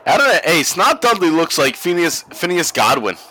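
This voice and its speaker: Bright-voiced guy cursing through wrestling. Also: a little high, very animated, moderate pace, rough recording. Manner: profane, laughing, goofy. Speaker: podcast co-host. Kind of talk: casual watch-along commentary.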